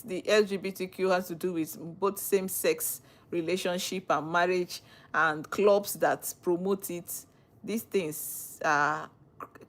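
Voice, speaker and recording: A woman with a Nigerian accent, a lawyer talking on a live stream, who explains with earnest repetition. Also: on the low side. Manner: earnest, repeats phrases while explaining. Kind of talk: live-stream talk answering viewers.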